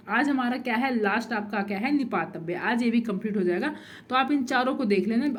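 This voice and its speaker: Young woman teaching with a bright pitch. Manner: repetitive, asks and answers own questions; frequent "theek hai" checks. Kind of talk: Hindi grammar lesson.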